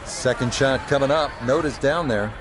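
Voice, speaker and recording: Male golf commentator over crowd noise. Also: medium pitch. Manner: measured, descriptive announcer delivery. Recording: outdoor crowd and ambient noise behind. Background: crowd and outdoor ambience.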